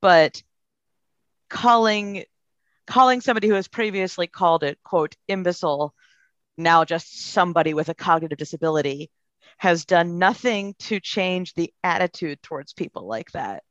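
A woman's voice: on the low side, expressive, normal speed, fairly bright tone, no echo. Earnest woman on a dull dry line. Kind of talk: casual podcast conversation.

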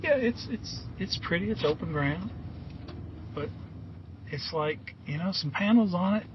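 An older rural Virginia man with a slightly high voice, talking as a farmer in a casual interview. He is plainspoken and halting, with a folksy manner. The recording is a bit dull, with faint noise around him. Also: lively intonation. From rural Virginia, United States. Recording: dull, noisy outdoor field recording.

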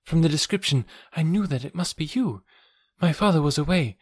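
A man reading aloud puts on a daring young woman, daughter of a desert chieftain. She speaks in a lifted, softened tone, hushed and earnest. Beneath it her pride shows. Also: fairly high pitch, lively intonation, brisk, slightly rough, no room sound, clean studio sound, voice pushed up. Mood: proud.

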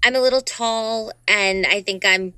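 Speaking as an interview guest, this dancer and voice actor in her twenties keeps things casual and upbeat, talking freely and saying "you know" often. Her mid-range voice is bright, clean and forceful, delivered without hurry and with no echo.

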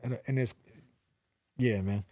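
A man's voice: mid-range voice, fairly even intonation, takes it slowly, darkish tone, no echo, studio quality. A man in his twenties from Los Angeles, a rapper guest talking in slangy, earnest speech full of fillers. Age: 20s. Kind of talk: casual interview.

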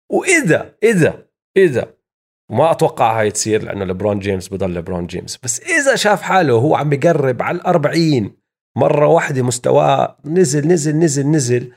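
A man with a Levantine Arabic accent and a creaky, mid-range voice hosts a sports show with casual basketball news commentary. He drops English terms into his speech.

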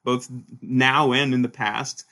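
A bright, forward-sounding male voice from Sweden, talking through his academic path as an interview guest. He speaks in lively bursts, restarts his sentences often, and checks in with a "right?" at the end of his points. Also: mid-range voice, takes it slowly. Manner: animated, frequent restarts and "right?" tags. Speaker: historian, author guest. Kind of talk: conversational interview answers.

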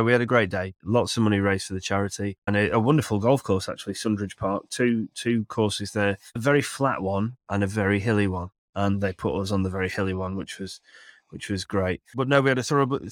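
A man in his thirties with a fairly low voice, recorded dry and close to the room-free end. He hosts a casual sports podcast, teasing and swearing freely while keeping things fairly quiet. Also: fairly even intonation, fairly quick, no room sound. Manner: speaks quietly at home late at night. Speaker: podcast host.

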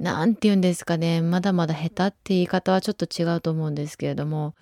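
A woman in her twenties hosting a radio show, chatting casually and relaxed, with frequent soft asides. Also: medium pitch, gravelly, no room sound, clean studio sound. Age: 20s. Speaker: radio host. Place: radio studio. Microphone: studio microphone.

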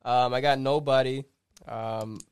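A man with a mid-range voice speaks in easygoing podcast chat. He pauses and hesitates often, relaxed rather than showy. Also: mid-range voice, clear, resonant tone, no echo, clean studio sound. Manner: laid-back, halting, hesitant. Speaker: podcast guest, producer. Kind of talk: casual chat.

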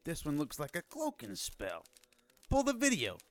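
Casting: sardonic, taunting wise guy for audio drama, fairly high voice, very lively swings. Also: normal speed. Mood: smug, knowing. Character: cocky, mocking wise guy from an enchanted world.

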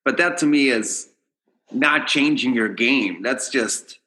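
A man's voice: medium pitch, slow pace, sharp tone, slight background noise. A man from Austria, a native German speaker, appearing as a guest on a podcast. He is a former pro hockey player and chats loosely, often restarting his words as he thinks. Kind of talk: casual chat.

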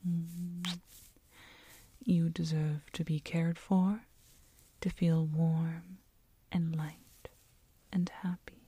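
Woman in a slow whispered role-play, right in your ear. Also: on the low side, flat delivery, mellow, slightly rough, no room sound, exaggerated voice. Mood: tender. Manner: slow, tender, coaxing. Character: doting, teasing, nurturing girlfriend soothing her partner. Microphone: very close binaural microphone.

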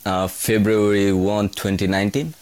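A young man from Nepal, a kitchen hand answering interview questions in a halting way, often restarting his words. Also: fairly low pitch, little pitch movement, darkish tone, no room sound. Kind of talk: casual interview.

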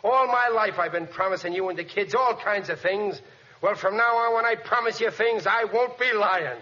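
A man playing an excitable, boastful, dim family man in a 1940s radio sitcom, stammering and blustering with bad grammar. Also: high-pitched, moderate pace. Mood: expansive, boastful. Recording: noisy, dull 1940s radio recording.

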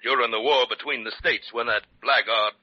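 Radio-drama Southern colonel, elderly, male actor: indignant, self-pitying, grandiloquent, rough-edged voice, dull old broadcast audio. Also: medium pitch, fairly even intonation, brisk, close to an everyday voice. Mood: proud, blustering. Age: older. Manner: pompous, florid, formal. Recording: muffled, echoey old radio recording.

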